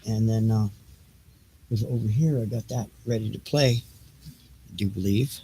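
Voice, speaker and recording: A middle-aged man with a fairly low, mellow voice speaks a little slowly as he hosts a homemade livestream. His unscripted chatter wanders, and he half mutters to himself while fiddling with his gear, over a noisy setup.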